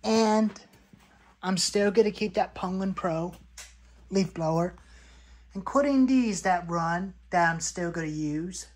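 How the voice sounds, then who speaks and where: A chainsaw-hobby vlogger in her twenties takes her time rambling through a show-and-tell of saw parts, listing and repeating in a cluttered garage. Her voice is on the low side, with no room sound.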